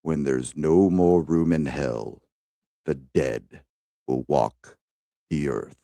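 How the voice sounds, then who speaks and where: Podcaster putting on a grim man under siege, low and slow, dry close sound. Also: gravelly, dark tone, no room sound, full character voice. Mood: grave. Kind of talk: dramatic reading of film lines.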